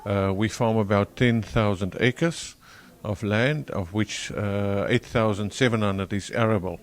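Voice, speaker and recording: A man with a broad South African accent answering interview questions as a farmer, often halting and correcting himself. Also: on the low side.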